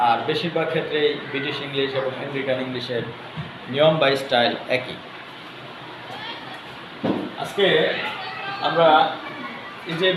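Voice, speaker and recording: A man giving an English lesson, explaining slowly and repeating example words. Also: fairly high pitch. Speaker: English teacher. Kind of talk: online lesson explaining to students. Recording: echoey room, mic far off, noise.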